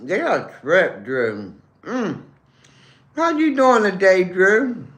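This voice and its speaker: Her mid-range voice is very animated but slow, recorded with a roomy sound, as she hosts a casual livestream over lunch. She talks while chewing, hums over her food, and addresses viewers as honey and baby.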